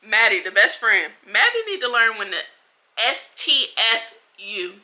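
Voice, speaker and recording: A woman's voice: fairly high pitch, sing-song, measured pace, bright, forceful tone. A young adult woman chatting bluntly and animatedly in a book vlog, full of slang and asides. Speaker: book vlogger. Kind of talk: casual reading wrap-up chat.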